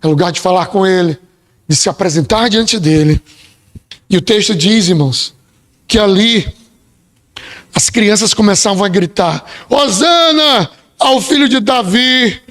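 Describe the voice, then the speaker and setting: High-voiced Brazilian pastor preaching. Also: male voice, normal speed, long pauses. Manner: emphatic, dramatic preaching with repeated phrases. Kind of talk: sermon. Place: church sanctuary. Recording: long church-hall reverb.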